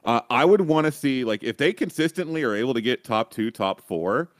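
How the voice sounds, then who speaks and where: A man's voice: medium pitch, animated, a little fast, dry recording. A man on an esports panel, talking casually and thinking aloud with many hedges.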